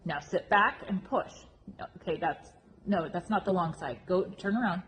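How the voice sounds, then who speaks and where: A woman riding instructor coaching a live lesson with brisk, projected commands, short and repeated, blunt and exacting in her corrections. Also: lowish voice, a bit bright. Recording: reverberant hall with clear background noise.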